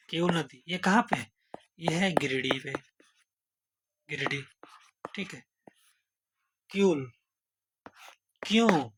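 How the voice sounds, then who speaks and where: Colloquial man. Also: a little high. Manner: rhetorical questions, colloquial, playful mnemonics. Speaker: exam-prep teacher. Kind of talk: memory-trick lesson. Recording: noisy recording. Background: steady background noise.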